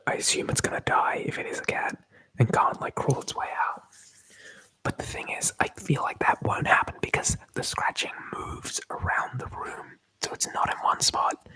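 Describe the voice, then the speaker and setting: In this low-quality recording with no room sound, a man whispers his way through an ASMR livestream. He reads viewer comments out loud, joking and rambling, and his tone is bright and forceful.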